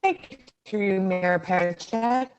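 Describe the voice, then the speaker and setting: A woman's voice: mid-range voice, very slow, darkish tone, smooth, muffled recording, soft background music. A woman city councillor speaking formally over a video call, her audio choppy and breaking up. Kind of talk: formal council meeting speech.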